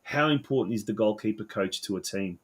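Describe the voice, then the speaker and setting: A man's voice: lowish voice, fairly quick. A man hosting a football talk show, asking long, chatty, winding questions. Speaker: host.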